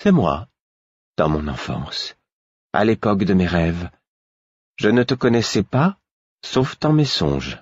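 A man voicing a strange, dreamy fool who speaks in a soft, measured voice. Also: sits low, very animated, slightly rough, dry recording, lo-fi sound, pitched above the performer's own voice, full character voice.

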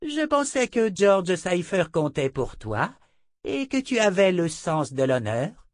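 Cold imperious old seer woman, read by a man, slow and dry. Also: high voice, big pitch swings, no echo, pitched above the performer's own voice, exaggerated voice. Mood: contemptuous. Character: old female seer, harsh and scornful. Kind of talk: audiobook character voice.

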